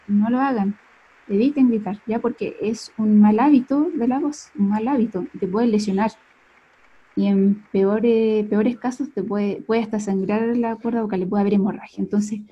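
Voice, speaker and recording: A young woman with a Chilean Spanish accent, a speech therapist, gives an explanatory lesson in a conversational way, frequently ending sentences with a questioning "ya?" or "cierto?" to check in with her listeners. Her voice is medium-pitched, mellow and husky. The lo-fi recording sounds dull, with faint music behind her.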